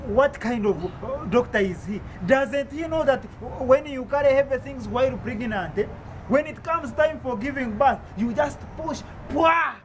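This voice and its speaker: Guy playing stubborn ugandan husband, comedy skit, high voice, grumbly and baffled, noisy outdoor recording. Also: lively intonation, normal speed. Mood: incredulous. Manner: exclamatory grunts, incredulous questions. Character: stubborn, ignorant, grumbling husband of pregnant wife. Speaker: comedy actor. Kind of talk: improvised African comedy skit. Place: outdoors in a house garden. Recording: noisy outdoor sound, vehicle hum.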